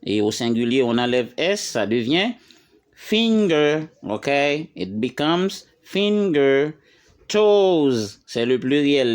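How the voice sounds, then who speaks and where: Slow-paced man teaching vocabulary. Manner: slow, repeats words for learners; jumps higher on English example words. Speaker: English teacher. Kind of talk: bilingual vocabulary lesson.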